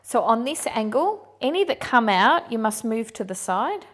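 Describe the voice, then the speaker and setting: A middle-aged woman hosting a cooking demonstration, giving clear step-by-step instructions in an upbeat manner. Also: on the high side, sing-song, moderate pace, fairly bright tone. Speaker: chocolatier host.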